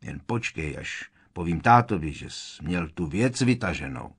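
A man's voice: low-pitched, lively intonation, slightly rough, exaggerated voice. A man voicing a sullen, sneering teenage bully who snaps and growls his retorts. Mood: taunting. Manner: sulky, snapping, growling retorts.

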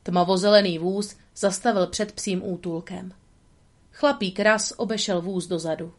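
Brief: woman narrator, calm and steady storybook reading. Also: mid-range voice.

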